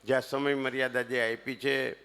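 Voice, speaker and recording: A stage comedian with a Kathiawadi Gujarati accent tells comic stories live to a seated audience, swinging from loud punchlines to hushed asides. His voice is medium-pitched and clean, delivered flatly at a moderate pace.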